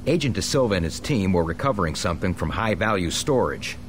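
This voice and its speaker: An actor playing an eager, respectful American soldier in a video game, chatty and deferential. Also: male voice, sits low, lively intonation, fast, a little hiss or hum. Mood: earnest, upbeat. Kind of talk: video game cutscene acting.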